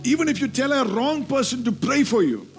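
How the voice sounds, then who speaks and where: This sermon comes from a man whose very high voice swings widely in pitch as he speaks a little fast over soft background music. Reading scripture and drawing call-and-response, he teaches emphatically and keeps repeating key phrases.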